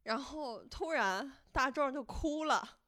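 Lively chatty woman. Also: sits high, slow, no echo, clean studio sound. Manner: animated, laughing while telling a story. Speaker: podcast host. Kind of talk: casual storytelling chat.

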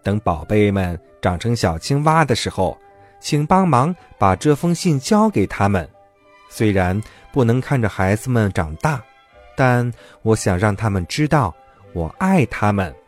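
Tender, loving mother frog in a storybook, expressive intonation male narrator acting. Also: on the low side, a little slow, soft background music. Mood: tender, wistful.

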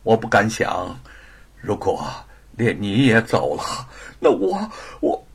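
A man voicing an earnest, emotional young scholar who exclaims fervently in a gravelly, husky voice. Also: fairly high pitch, big pitch swings, slow, darkish tone, voice pushed up, heavily acted.

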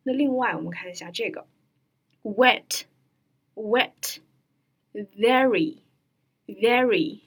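A young woman teaching an English pronunciation lesson, modeling each word slowly and carefully. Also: lowish voice, animated, gravelly, breathy edge. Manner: slow, careful modeling of words.

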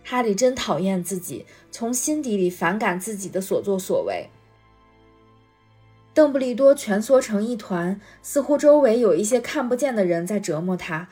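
A woman's voice: medium pitch, big pitch swings, moderate pace, warm tone, husky, faint music behind. Woman reading a storybook aloud. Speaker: guest reader.

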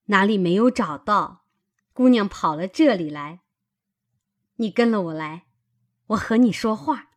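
A woman's voice: mid-range voice, lively intonation, a little slow, pauses often, lightly acted. A woman reader voicing a fawning middle-aged sister-in-law who talks in a coaxing, ingratiating way.

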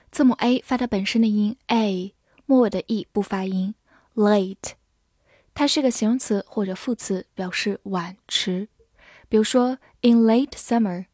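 Brief: woman, lesson narrator, slightly high voice, unhurried, dry close sound. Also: dark tone, dry recording. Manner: spells words letter by letter and reads examples slowly. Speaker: English vocabulary teacher. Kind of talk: scripted vocabulary lesson.

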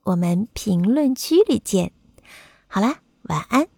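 Soft-spoken woman telling a bedtime story. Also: medium pitch, expressive, takes it slowly, gravelly, breathy edge, no echo. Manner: soft, soothing.

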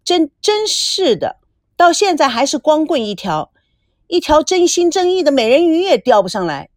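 A woman's voice: high-pitched, big pitch swings, normal speed, darkish tone, no room sound, clean studio sound, pitched above the performer's own voice. A woman voicing a cocky, clever teenage girl in an audiobook, talking in a coaxing, know-it-all way. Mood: teasing. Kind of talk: audiobook character voice.

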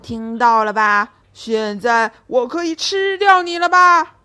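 A woman voicing a fierce, hungry male circus lion, roaring in slow, drawn-out shouts. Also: high-pitched. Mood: menacing.

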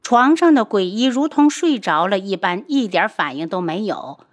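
A woman reading a novel aloud as an audiobook narrator, in expressive scripted narration. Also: medium pitch, moderate pace.

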